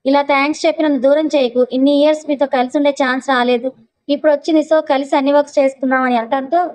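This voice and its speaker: A woman's voice: high-pitched, steady tone, racing, a little mellow, close to an everyday voice, poor audio. A woman voicing an eager, talkative young man who hides a scheme, in a spoken story.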